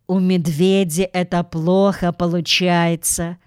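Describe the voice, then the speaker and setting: A woman's voice: fairly low pitch, level tone, slow pace, darkish tone, clear, resonant tone, dry recording, clean studio sound. A woman voicing a small, polite male bear cub who is earnest and apologetic in a storybook reading.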